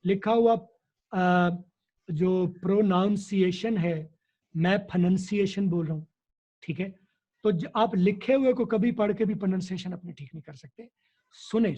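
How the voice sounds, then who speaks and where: This high-pitched man, an English teacher, speaks at a moderate pace with a dark tone, explaining during an interview and drilling key words through repetition. It's a dull, lo-fi recording.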